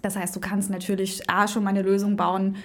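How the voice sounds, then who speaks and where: Woman, startup founder, casual interview, brisk, fillers, business jargon. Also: medium pitch, flat delivery.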